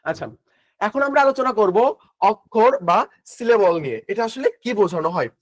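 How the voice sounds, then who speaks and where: A man's voice: high voice, animated, normal speed, no room sound. A young man teaching an exam-prep lesson, asking questions and answering them himself in a casual manner. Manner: asks questions and answers them himself, repeating key terms; informal, mixes English words into speech. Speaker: admission test tutor. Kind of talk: online exam-prep lecture.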